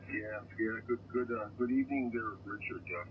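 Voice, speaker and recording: A man's voice: on the low side, normal speed. Man on crackly muffled two-way radio. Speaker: amateur radio operator. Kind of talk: ham radio contact exchanging signal reports.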